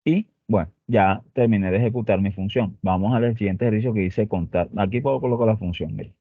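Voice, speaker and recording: A man teaches a spreadsheet lesson, explaining each step and stopping often to check that his students are following. His voice sits on the low side. The sound is tinny and dry, like a phone line with no room around it. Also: a little fast, dry recording. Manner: explains step by step, with frequent "¿ok?" and "muchachos" check-ins. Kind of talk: spreadsheet tutorial.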